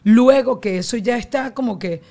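A woman in her forties with a Venezuelan accent, a guest telling family stories in a loose, animated way full of restarts and slang. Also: fairly high pitch, moderate pace, creaky. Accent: Venezuelan Spanish. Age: 40s. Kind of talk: casual storytelling chat.

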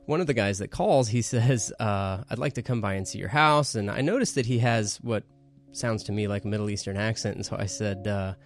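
A man co-hosting a podcast, casually retelling a story in a relaxed, chatty way. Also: fairly low pitch, brisk, hardly any pauses, soft background music. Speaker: podcast co-host.

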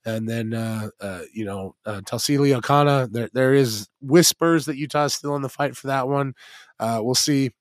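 Hoarse American man talking football. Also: mid-range voice, normal speed, dry recording, clean studio sound. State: hoarse, smoky rasp from being out in the cold. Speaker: sports podcast co-host and football analyst. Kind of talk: casual sports talk.

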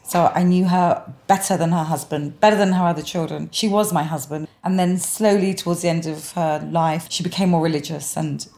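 A woman's voice: on the low side, fairly even intonation, a little fast, few pauses, dark tone. A woman telling her own experience in an interview, earnest and emphatic, repeating words for stress. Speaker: interviewee recounting a haunting. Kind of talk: personal testimony interview.

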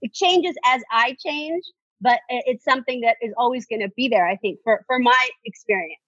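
A woman guest in a casual conversation, speaking in a reflective, measured way over a dry, muffled lo-fi recording. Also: a little high, fairly bright tone, breathy edge, dry recording.

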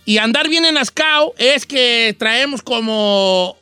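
This man's very high, clean-toned voice moves at a slow pace in a dry recording. He hosts a casual radio chat in a western Mexican accent from around Michoacán, acting out quoted dialogue as an animated storyteller.

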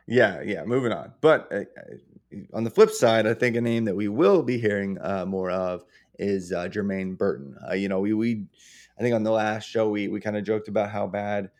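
A man's voice: lowish voice, normal speed, a little mellow. A man co-hosting a podcast, thinking aloud about football with many fillers. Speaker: podcast co-host. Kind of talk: casual sports chat.

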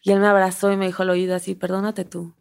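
A Mexican woman in her thirties, a comedian telling stories as a podcast guest, animated and often acting out what people said. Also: medium pitch, racing, smooth. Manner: animated storyteller, acts out quotes, laughs often. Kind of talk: casual storytelling interview.

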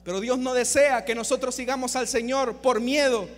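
A male preacher delivers a sermon in a very high voice, full of fervor. He swings from ringing shouts to hushed, pleading appeals. His words carry a long church reverb. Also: fairly even intonation, moderate pace. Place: church service.

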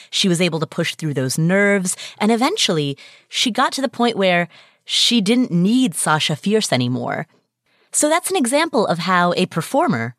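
A woman from Nepal hosting a podcast, introducing a guest and chatting in a lively, clear storytelling manner. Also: fairly low pitch, no room sound, clean studio sound. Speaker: podcast host. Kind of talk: podcast interview.

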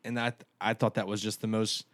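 A male sports reporter and co-host looks back on old seasons in a calm, measured tone. His voice sits somewhat low, and he builds each memory steadily. The talk is relaxed and conversational. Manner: measured, reflective recollection. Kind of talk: casual chat.

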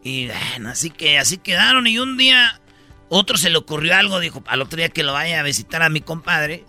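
A man with a Mexican accent tells jokes on the radio in fast, slangy speech, laughing and acting out his characters. His voice is high, gravelly and very bright. A faint music bed plays under him. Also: lively intonation. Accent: Mexican Spanish. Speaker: radio comedy host. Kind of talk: joke telling on radio.

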